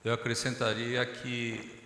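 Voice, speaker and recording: A man with a Brazilian Portuguese accent, a seminar participant, calmly adds a point to the discussion. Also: mid-range voice, takes it slowly. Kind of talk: adding a point in a group discussion. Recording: echoing hall with faint noise.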